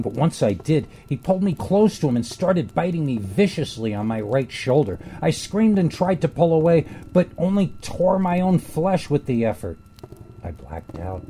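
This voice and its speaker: Brief: male storyteller for a horror tale, deliberate and grave, very warm and dark voice. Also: medium pitch, creaky, slight background noise. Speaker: narrator. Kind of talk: first-person horror story narration.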